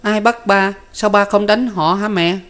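Man reading an audiobook, putting on a clingy toddler boy, high and pleading, storybook style. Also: steady tone, a little slow, fairly bright tone. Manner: high, pleading child's questions. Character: small boy of three, whiny and clingy.

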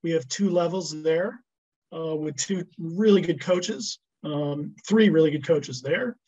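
A man's voice: on the high side, unhurried, darkish tone, breathy edge, lo-fi sound. A man presenting a ski program on a video call, hesitant with many restarts and fillers.

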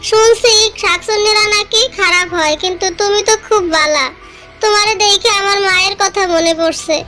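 A woman's voice: very high-pitched, steady tone, moderate pace, sharp tone. A woman voicing a hungry, pleading little orphan village boy in a cartoon, childlike and plaintive. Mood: plaintive, attached. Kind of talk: cartoon voice acting. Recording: music behind the voice.

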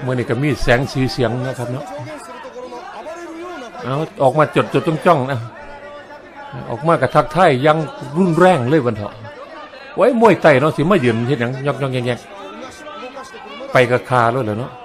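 A man's voice: medium pitch, animated, normal speed, long pauses. A man with a Northeastern Thai Isan accent giving humorous play-by-play commentary on a fight, joking, chatty and chuckling often. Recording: crowd noise from fight footage.

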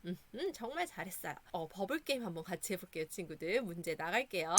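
A Korean woman teaching English sight words to children, encouraging them and repeating words slowly for them to echo. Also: lowish voice, lively intonation, heavy background noise.

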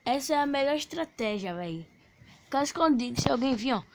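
Female gaming host, excitable play-by-play, bursts of shouting and whispering, raspy fry in the voice. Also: high-pitched, brisk, slight background noise. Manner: excitable, exclaiming, drops to whispers while playing. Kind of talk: casual mobile game commentary.

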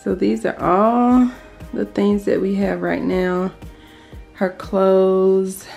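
Young woman doing a chill home vlog on her phone, slow easy talk, says y'all a lot, faint music behind. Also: mid-range voice, little pitch movement, gravelly, a little mellow. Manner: chatty, addresses viewers as y'all. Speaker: vlogger. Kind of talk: casual vlog chat. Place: at home indoors. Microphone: handheld phone camera.

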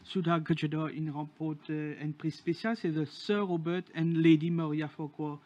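Flat-voiced man, dull audio. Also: a little high, moderate pace. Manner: hesitant, many fillers while reading a list. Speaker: horse racing show co-host. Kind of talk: reading out award winners.

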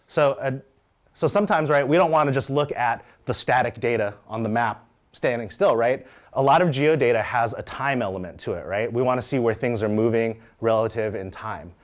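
A man's voice: mid-range voice, normal speed. Man giving a casual live coding talk. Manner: conversational, frequent "right?" checks and restarts. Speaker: conference speaker. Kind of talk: live technical talk walking through code. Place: meetup room with audience.

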